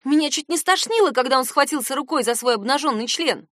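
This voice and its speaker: A woman's voice: high voice, expressive, fast, fairly bright tone, no echo, clean studio sound. A woman narrating a first-person story in a sarcastic, exasperated tone.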